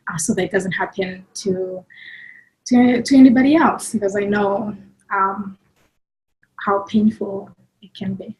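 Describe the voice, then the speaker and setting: A woman in her twenties from Rwanda, telling her own story as an interview guest, soft-spoken and hesitant, with many pauses and fillers. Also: mid-range voice, poor audio.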